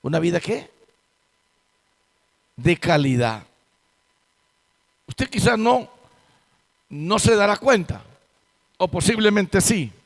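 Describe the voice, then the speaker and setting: Male pastor, very high voice, slow deliberate sermon delivery, emphatic with rhetorical questions. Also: expressive. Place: church sanctuary. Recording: long hall reverb in church.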